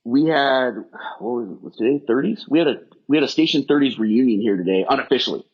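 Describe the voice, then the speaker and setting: A middle-aged man with a husky, medium-pitched voice guests on a podcast as a firefighter rehab specialist. In casual conversation he rambles quickly through long run-on stretches. The recording is dull and lo-fi.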